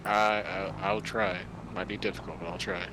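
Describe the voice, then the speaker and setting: A man's voice: deep voice, steady tone, moderate pace. A man in his twenties chatting on a gaming livestream, easily flustered and self-deprecating. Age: 20s. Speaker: co-player on stream. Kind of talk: casual gaming livestream chat. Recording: game vehicle engine noise behind.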